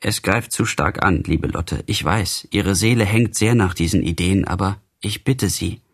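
Audiobook: male reader as a calm young man gently soothing, low husky voice. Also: unhurried. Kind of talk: audiobook reading.

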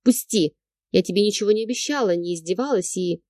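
A woman voicing a frightened but defiant young woman who snaps back in sharp outbursts. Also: medium pitch, expressive, brisk, dry recording, studio quality, close to an everyday voice.

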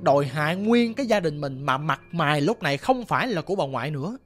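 Storyteller: a Southern Vietnamese man, conversational and lively, spinning a ghost tale. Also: sits high. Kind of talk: casual spoken storytelling.

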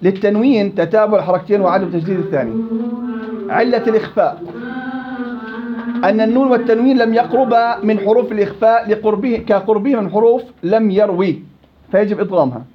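A man's voice: high-pitched, fast talker, lo-fi sound, soft background music. A man teaching a recitation class, quizzing students and repeating words to demonstrate them. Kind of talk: classroom lesson.

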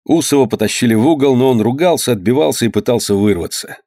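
A man reading a historical novel aloud as narrator in a measured, steady way. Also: mid-range voice, no echo, clean studio sound. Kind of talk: audiobook reading of historical prose.

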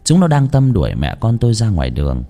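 Guy reading a scary story, super expressive pitch, lowish voice, emotional delivery. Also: fast talker, soft background music. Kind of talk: first-person horror story narration.

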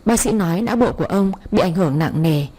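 Mellow-voiced woman narrating a story. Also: on the low side, animated, fast, husky.

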